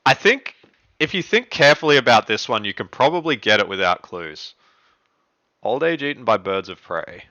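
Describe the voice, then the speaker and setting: A young man hosting a riddle contest on a live stream, chatty and excitable, laughing often. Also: mid-range voice, moderate pace, no room sound, dull audio. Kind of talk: casual live-stream chat.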